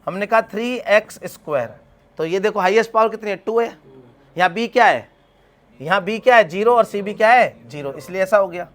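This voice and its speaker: Lecturing at a brisk clip in a high-pitched voice, a male math teacher asks his class question after question and then answers each one himself. He talks them through every step, calling them beta.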